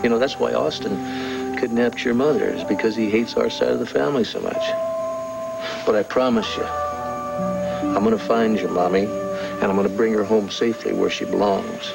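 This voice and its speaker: A man's voice: on the low side, moderate pace, creaky, long pauses, rough recording. An actor playing a protective father who talks firmly and earnestly to his son in a soap opera. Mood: reassuring. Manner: reassuring, firm, earnest. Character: protective middle-aged father, steady and resolute. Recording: old TV soap with loud music score.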